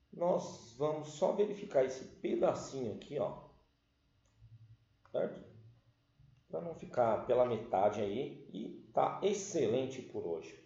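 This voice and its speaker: A man's voice: on the high side, dark tone. A man, teaching an English grammar lesson patiently and checking that his class follows. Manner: explains patiently, checks understanding with "certo?" and "tá certo?"; addresses the class as "galera". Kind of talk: recorded online class lesson. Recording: echoey room, dull lo-fi sound.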